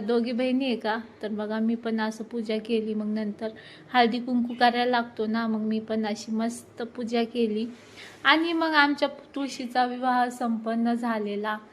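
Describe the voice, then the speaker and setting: A woman in her thirties chatting excitedly to viewers while filming a family ceremony at home on her phone. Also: on the high side. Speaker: vlogger. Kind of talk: casual vlog narration. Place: at home during a family ceremony, indoors and outdoors. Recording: faint background noise.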